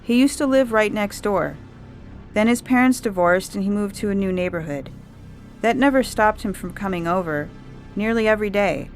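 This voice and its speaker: A woman reads a dramatised story, voicing an earnest, insistent young girl who recounts her account of alien visitors. Her voice is medium-pitched and natural at normal speed, with a music bed underneath.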